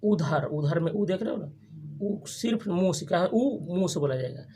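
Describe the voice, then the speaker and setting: A teacher giving a grammar lesson to a class, repeating each term and asking quick questions for the students to answer back. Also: medium pitch, expressive, warm tone, husky. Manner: frequent restarts and checking questions. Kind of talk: classroom lesson with call-and-response.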